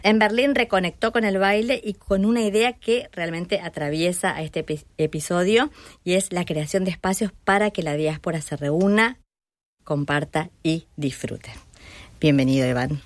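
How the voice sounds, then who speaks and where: A woman hosting a radio podcast interview in a studio, presenting in a clear, measured way. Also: fairly low pitch, no echo. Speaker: podcast host.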